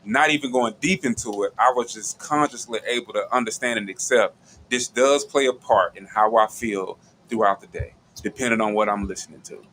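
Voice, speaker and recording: Laid-back man hosting, low voice. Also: a little fast, fairly bright tone, slight background noise, rough recording. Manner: laid-back, conversational, often says "you feel what I'm saying". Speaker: show host. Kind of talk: casual radio talk. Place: radio studio.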